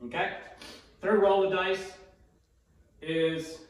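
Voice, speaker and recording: A man with a cold gives casual, halting play-by-play of a dice betting demonstration, often repeating his calls. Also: high voice, level tone. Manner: halting, self-narrating, repeats each call. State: has a cold, throat-clearing. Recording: very echoey room, distant mic.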